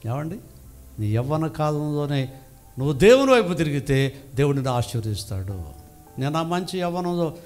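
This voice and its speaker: A man's voice: fairly high pitch, sing-song, moderate pace, long pauses, a little mellow, soft background music. An older man preaching a sermon in a church, emphatic and full of rhetorical questions to the congregation. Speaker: pastor.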